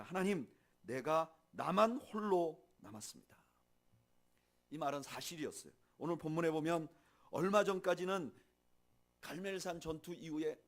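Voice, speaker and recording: A man preaching a sermon as pastor, swinging from loud, emphatic lines to soft, hushed ones, and slowing down to read scripture aloud. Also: a little high. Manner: slow measured reading of scripture with the congregation. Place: church sanctuary.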